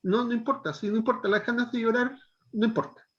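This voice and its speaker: A middle-aged man teaching a pastoral counseling class, gently coaxing a student and checking in often. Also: very high voice, fairly even intonation, fast talker, dull audio.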